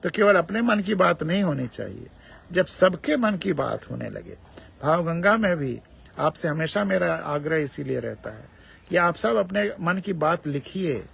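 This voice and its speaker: Guy giving a spiritual talk, kinda gravelly voice, a bit high, slow and measured, keeps repeating stuff for emphasis. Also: very animated, a bit bright. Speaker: spiritual speaker. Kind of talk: spiritual discourse.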